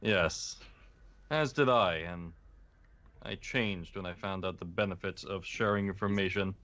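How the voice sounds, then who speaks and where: A man voicing a cold alien schemer in tabletop role-play, with slow, theatrical villain menace. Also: deep voice, a bit bright, highs cut off, pitched below the performer's own voice. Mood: calculating menace.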